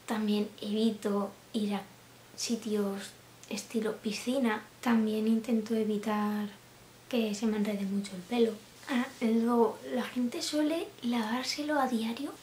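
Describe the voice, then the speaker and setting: Young woman, casual vlog chat, fairly high voice, roomy echo. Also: fairly even intonation, measured pace. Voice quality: laughs often, drops into soft asides. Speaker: vlogger. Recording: roomy room with faint hiss.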